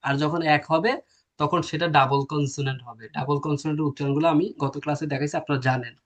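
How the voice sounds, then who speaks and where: Male teacher, a bit high-pitched, quizzes the class and answers himself. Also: steady tone, fast talker. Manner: explains step by step, asks and answers his own questions. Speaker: language teacher. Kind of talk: classroom lecture.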